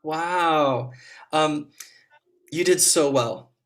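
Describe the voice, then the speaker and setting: A man serving as a competition juror, giving gentle, encouraging spoken feedback to young players over a video call, with frequent ums. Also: on the high side, extremely slow.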